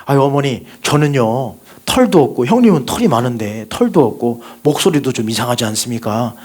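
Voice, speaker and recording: A timid younger son pleading and speaking deferentially, a little lower and softer than the preacher's own voice, as a man puts him on. He sounds careful and humble while he tells a lie. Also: lively intonation, a little fast, breathy edge.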